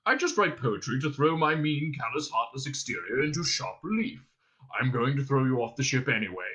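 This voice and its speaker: A man voicing a mean, embittered alien poet in an audiobook story, with a slow, drawling, menacing delivery. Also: mid-range voice, expressive, bright, forceful tone. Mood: scornful, threatening.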